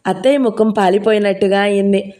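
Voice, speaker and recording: A woman narrating a novel in the first person, in a steady storytelling manner. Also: medium pitch, brisk. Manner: steady storytelling, reading dialogue aloud. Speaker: audio novel reader.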